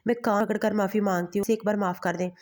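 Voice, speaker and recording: A woman's voice: mid-range voice, fairly even intonation, darkish tone, close to an everyday voice. A woman voicing a frightened young wife who pleads and apologizes. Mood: pleading.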